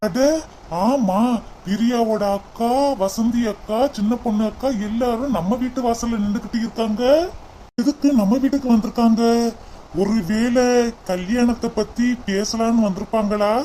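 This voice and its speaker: A man's voice: very high-pitched, fairly even intonation, normal speed, mellow, a little hiss or hum, rough recording. A man voicing a proud, wealthy middle-aged father in a cartoon, blunt and commanding. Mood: curious. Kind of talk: cartoon voice acting.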